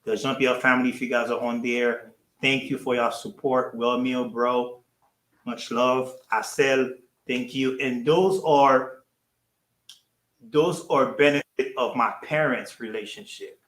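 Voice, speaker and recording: A Haitian man who leads a ministry hosts a livestream, speaking casually and earnestly and thanking people over and over. His voice is medium in pitch and fairly bright, with fairly even intonation and a measured pace. The recording has a roomy echo.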